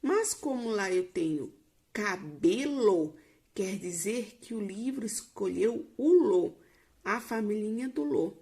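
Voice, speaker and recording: A Brazilian woman teacher explaining a lesson slowly to young children in a recorded remote class. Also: medium pitch, expressive, darkish tone. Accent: Brazilian Portuguese.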